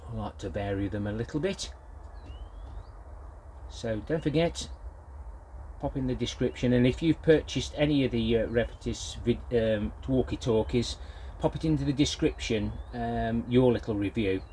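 A mellow, medium-pitched male voice at a moderate pace belongs to an elderly British gardening vlogger. He wanders hesitantly through an unscripted, relaxed product review, with slight noise in the background.

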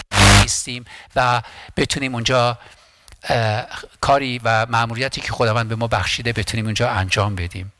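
A man's voice: medium pitch, a bit bright, dry recording. A man preaching a sermon as pastor, impassioned and emphatic, repeating phrases and often restarting words.

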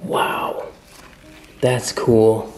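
A man giving a casual, excited walk-through vlog of an old mansion, chatty and often dropping to a murmur. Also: lowish voice, drawn-out words, faint music behind. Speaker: vlogger touring a historic mansion. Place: indoors, large old house.

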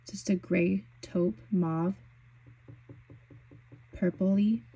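Breathy young woman gushing over makeup. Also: mid-range voice, steady tone, drawn-out words, dark tone. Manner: gushing, enthusiastic, chatty with many fillers. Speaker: beauty vlogger. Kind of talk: casual product swatching chat.

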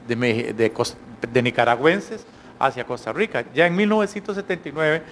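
A middle-aged man speaking on an academic panel into a handheld mic in a conference hall, measured and hesitant, often checking with the audience. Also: mid-range voice, animated, a bit bright, slight background noise. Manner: measured, frequent hesitations, rhetorical tag questions.

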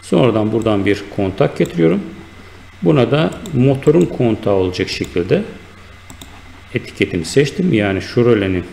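A man teaching a software tutorial, talking in an unhurried, explanatory way with many fillers and self-corrections while he works at a computer. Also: mid-range voice, expressive, creaky, slight background noise. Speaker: instructor. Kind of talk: screen-recorded software tutorial.

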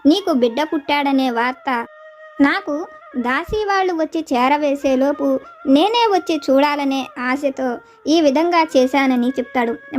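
A woman narrating a folk tale about a king and his queens in a steady, even storytelling manner. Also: high voice. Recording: dull lo-fi with faint music.

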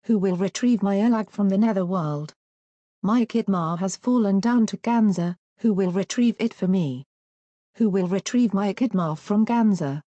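Storybook warrior king, male, stern instructions, mellow tone, dry sound, woman reader. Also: mid-range voice, moderate pace, no echo, muffled recording, close to an everyday voice. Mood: lamenting. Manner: lamenting, then commanding. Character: grieving proud young warrior king, male. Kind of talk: storybook reading.

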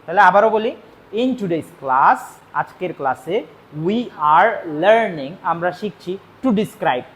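High-voiced teacher. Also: male voice, expressive, a bit bright. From Bangladesh. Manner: explains slowly, repeats each phrase, switches between Bengali and English. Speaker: spoken English teacher. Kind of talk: classroom grammar lesson.

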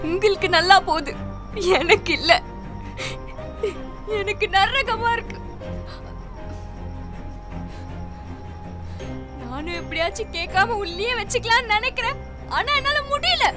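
A woman's voice: high voice, moderate pace, close to an everyday voice. A woman plays a young pregnant wife who is tearful and accusing, and raises her voice when she is pushed. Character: distraught young pregnant wife demanding the truth. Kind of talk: Tamil web series drama, dubbed. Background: film score music.

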